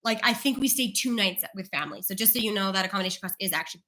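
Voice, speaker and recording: A woman co-hosting a travel live stream, chatty and quick to laugh. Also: mid-range voice, bright, forceful tone. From Canada. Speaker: travel channel co-host. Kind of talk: casual live-stream chat.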